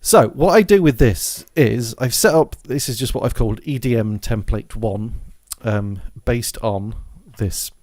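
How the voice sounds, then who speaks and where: A man's voice: mid-range voice, measured pace, few pauses, a little mellow, dry recording, studio quality. A man presenting a music gear tutorial in a casual, rambling way, thinking aloud as he goes. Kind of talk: casual software and hardware walkthrough. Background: scratching noise from a dog in the background.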